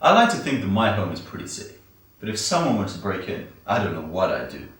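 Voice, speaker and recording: A man plays an earnest, easily impressed infomercial host. His parody sales delivery is exaggerated and very lively in pitch. He sounds a little far from the mic in an echoey room. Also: fairly quick. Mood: grave concern. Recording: roomy, distant mic, music behind.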